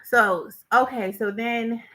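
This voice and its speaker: Bright-voiced woman recapping casually. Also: on the high side, slow, rough recording. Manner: animated retelling, acts out quotes, chatty with fillers. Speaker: reality show recapper.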